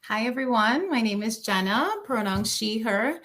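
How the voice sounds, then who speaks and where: A woman's voice: on the high side, normal speed, a bit bright. A woman from Trinidad and Tobago with a Trinidadian accent, giving a cheerful, friendly self-introduction as a panelist. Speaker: panelist, small business owner.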